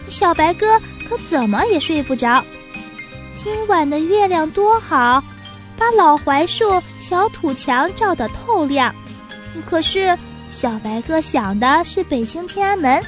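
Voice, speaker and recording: High-voiced woman reading a children's story. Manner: gentle, expressive, lively reading. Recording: faint background music.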